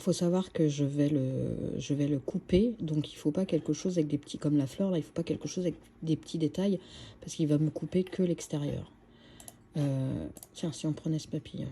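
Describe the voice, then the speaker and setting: Woman walking through software steps, very dark mellow voice, lots of ums, faint noise behind. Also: low voice. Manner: chatty, hesitant, many fillers. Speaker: craft tutorial host. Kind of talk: screen-recorded software tutorial.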